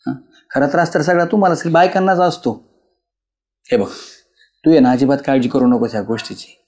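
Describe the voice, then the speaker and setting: A man playing a rural husband who gently and repeatedly reassures his grieving wife in a village web drama. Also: mid-range voice, fairly quick, natural voice. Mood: consoling. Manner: soothing, reassuring, repetitive.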